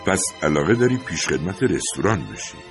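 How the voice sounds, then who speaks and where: A man voicing a polite but firm hotel training director in an audiobook, speaking in a measured, formal way. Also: sits low, sing-song, soft background music.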